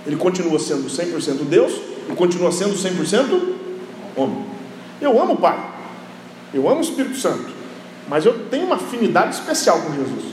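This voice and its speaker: A man preaching a lively sermon, often shouting and acting out biblical scenes with humor. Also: sits high, a little fast. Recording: echoey hall, faint background noise.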